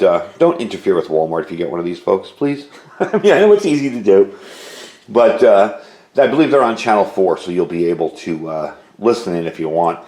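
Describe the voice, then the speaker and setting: In an informal product review filmed at home, a man walks through the details as he talks, his fairly low voice a little mellow. The room gives the audio a spacious indoor echo.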